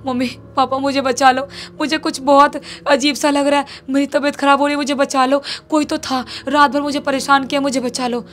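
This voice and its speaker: A woman's voice: high-pitched, normal speed, a bit bright, pitched above the performer's own voice. A woman voicing a frightened young boy who urgently pleads with his mother. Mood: pleading.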